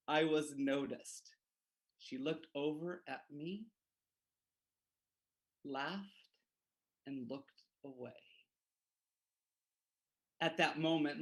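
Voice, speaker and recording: A man giving a devotional as an animated story, full of self-mocking humor, on a livestream. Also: on the high side. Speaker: devotional speaker.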